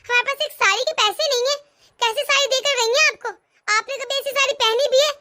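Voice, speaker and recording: A woman's voice: extremely high pitch, fairly even intonation, fairly quick, pushed and bright. A woman voicing a spirited young girl in a cartoon, speaking with hurt, outspoken indignation. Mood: indignant. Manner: pleading, indignant. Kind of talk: animated cartoon voice acting.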